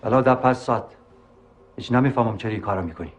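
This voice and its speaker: An actor with an Afghan accent playing a wealthy, stern master who speaks in a reproachful, pleading way. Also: male voice, mid-range voice, soft background music, lightly acted.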